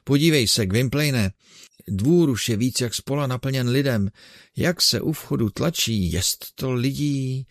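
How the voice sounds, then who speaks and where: A man voicing an eccentric old male showman in an audiobook, loudly ordering people about. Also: mid-range voice, no room sound, studio quality, voice pushed up, natural voice. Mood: bossy. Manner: exclaiming, bossing others about. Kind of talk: audiobook character reading.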